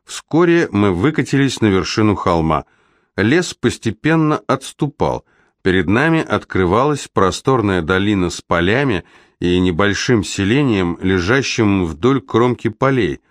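A man reading a novel aloud as an audiobook narrator, in a steady, even storytelling manner. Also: lowish voice, dry recording, studio quality. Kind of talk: scripted narration.

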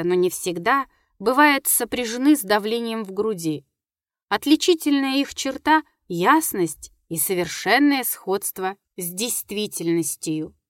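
A woman's voice: on the high side, dry recording. Woman narrating a classic tale, dry sound. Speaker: audiobook narrator. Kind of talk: literary audiobook narration.

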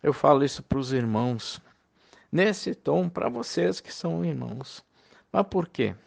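Gravelly-voiced man preaching earnestly. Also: a little high, lively intonation, measured pace. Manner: earnest, pleading, heartfelt. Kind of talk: recorded sermon to fellow believers.

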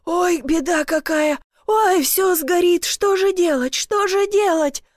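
A woman voicing a panicky, useless man neighbor who wails and shouts in a high strained voice. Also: slow pace, no echo, clean studio sound. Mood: wailing.

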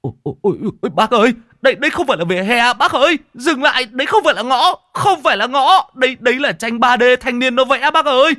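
A man's voice: medium pitch, sing-song, moderate pace, no echo, clean studio sound, voice pushed up, close to an everyday voice. A man voicing a jittery young taxi driver who stammers and hesitates. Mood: panicked. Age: young adult.

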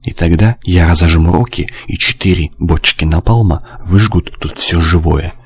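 Man reading as a gruff desperate stalker. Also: sits low, normal speed. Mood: grim. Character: hardened male stalker, desperate and reckless.

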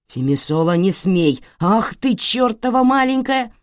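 A woman's voice: medium pitch, sing-song, unhurried, mellow, no room sound, voice pushed up. A violent, furious father bellows his threats in this storybook reading, voiced by a woman. The voice lurches wildly up and down as he rages. It is recorded dry and close, with no room sound. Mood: furious shouting. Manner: roaring, threatening. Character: violent enraged middle-aged father.

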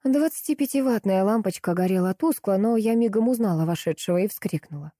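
A woman narrating a novel in first person, reading in a lively, expressive way close to the mic. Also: mid-range voice, brisk, dry recording. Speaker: audiobook narrator.

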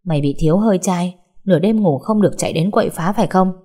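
A woman's voice: fairly low pitch, quick pace, dark tone, close to an everyday voice. Woman doing a bullying, angry ex-husband. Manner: harsh and bullying. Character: angry, threatening young ex-husband.

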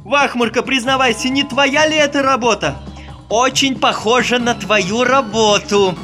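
A man's voice: very high voice, extremely slow, bright, forceful tone, long reverb tail, soft background music, pitched above the performer's own voice, heavily acted. A man voicing a fussy, easily outraged little male gnome in a storybook, exclaiming indignantly. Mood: accusing.

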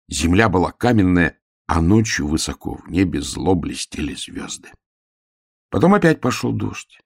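A man reading a children's story aloud in an unhurried, softly expressive way. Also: low voice, creaky, husky. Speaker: narrator. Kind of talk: scripted storybook narration.

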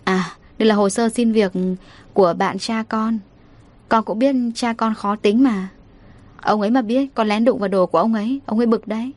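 A woman's voice: fairly high pitch, steady tone, moderate pace, lightly acted. Woman reader voicing a stern, flustered mum in a storybook. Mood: evasive. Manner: sharp scolding, then soothing. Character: stern anxious middle-aged mother.

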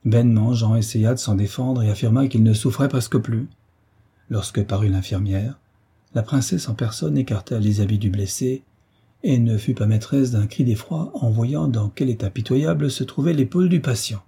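A man narrating a classic novel as an audiobook with a measured, deliberate reading. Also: mid-range voice, creaky, warm tone, husky.

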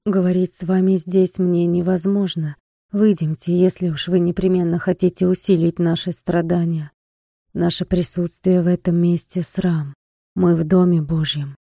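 A tormented young priest, as a woman reading the story voices him, restrained and solemn, sometimes dropping lower and quieter. The tone is dark and mellow in a dry, close recording. It is storybook reading, not full acting. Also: little pitch movement, normal speed, creaky, no echo. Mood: stern.

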